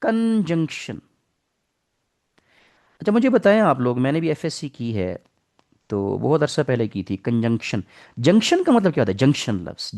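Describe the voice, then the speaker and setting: Gravelly and darkish at a medium pitch, the voice belongs to a middle-aged English teacher with a Pakistani Urdu accent. He is lecturing an online class, patiently covering grammar and questioning the students.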